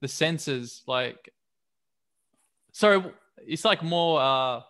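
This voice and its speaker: A man's voice: on the high side, expressive, drawn-out words, a bit bright. A man with an Australian accent hosting a podcast, asking rambling questions and interrupting himself. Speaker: podcast host.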